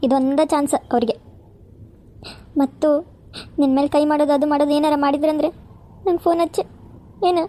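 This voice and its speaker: A woman's voice: high-pitched, fairly even intonation, fairly quick, pauses often, warm tone, lightly acted. A woman voicing a caring, protective elder sister who coaxes and scolds. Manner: coaxing, then firm and scolding.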